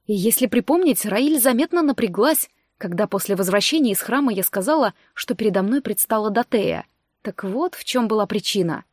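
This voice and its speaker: A woman narrating a first-person fantasy audiobook in a steady, measured way. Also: medium pitch, no room sound, clean studio sound.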